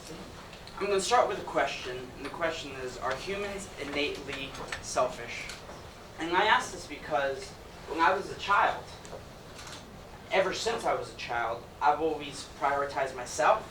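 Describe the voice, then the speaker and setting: A young man from Ecuador, his voice fairly high and animated at a moderate pace, entertains an audience with an upbeat, joking student presentation. The event-hall recording is noisy, roomy and distant-miked.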